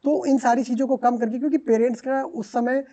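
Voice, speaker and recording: A man, a startup co-founder, answering podcast interview questions in a steady explanatory way and mixing in English business terms. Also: extremely high pitch, a little fast, highs cut off. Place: podcast studio.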